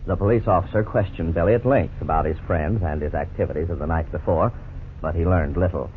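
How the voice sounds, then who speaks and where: A male actor plays a lawyer-narrator in a thin, lightly noisy vintage radio recording with phone-quality sound. His low voice is earnest, didactic and explanatory, carrying a measured, scripted 1950s authority, lightly acted.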